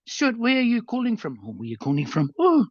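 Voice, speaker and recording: A man's voice: extremely high pitch, wildly swooping pitch, quick pace, no room sound. New Zealand man teaching over a dull call. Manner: earnest, stumbling restarts, repeats words. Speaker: guest workshop presenter. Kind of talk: coaching talk over a video call. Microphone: video call. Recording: dull, dry lo-fi video call audio.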